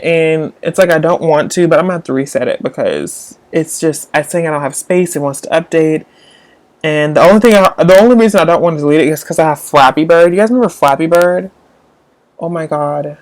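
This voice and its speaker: A young man hosting a casual live stream, chatting with viewers while getting frustrated with his tablet and phone. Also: a little high. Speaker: livestream host.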